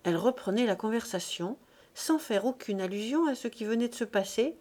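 Woman audiobook reader, classic novel, measured and expressive narration. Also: on the high side.

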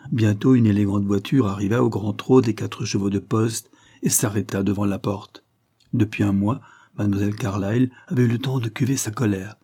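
A man narrating a novel in a measured, even storytelling manner. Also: lowish voice, husky. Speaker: audiobook narrator.

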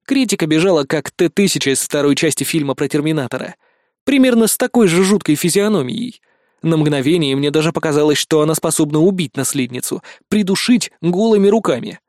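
A man reading a first-person audiobook in a wry, steady storytelling manner into a close studio mic. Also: on the high side, a little fast, no echo. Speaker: audiobook narrator.

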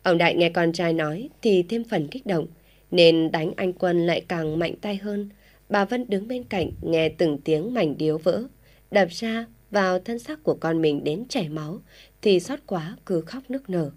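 A woman narrates an audiobook tale with steady, even storytelling. Her voice sits somewhat low for a woman, and she reads at a measured pace.

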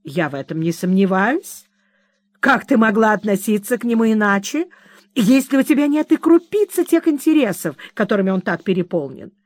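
A woman reading the part of a placid, self-absorbed middle-aged mother who talks calmly and dismissively, in a dry recording. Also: mid-range voice, moderate pace, no echo, natural voice. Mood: serene. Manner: serene, calm and dismissive.

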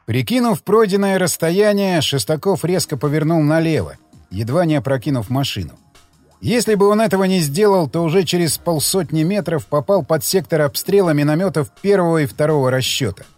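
A man narrating an audiobook with steady, expressive storytelling. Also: on the high side, a little fast, soft background music.

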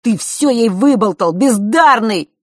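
A woman's voice: sits low, animated, drawn-out words, no echo, clean studio sound, exaggerated voice. A woman reading aloud, voicing a menacing older teenage brother who hisses threats. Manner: hissing, threatening.

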